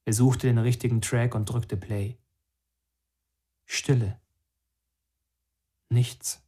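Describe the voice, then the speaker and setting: A man reading a first-person novel aloud, calm in the narration and lifting his voice for the quoted lines. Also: mid-range voice, slow pace, breathy edge. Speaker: audiobook narrator.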